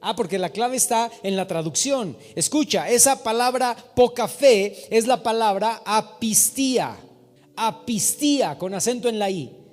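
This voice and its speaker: A man preaching a sermon as pastor, animated and calling his listeners brother. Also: high voice, moderate pace. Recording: reverberant hall with soft music.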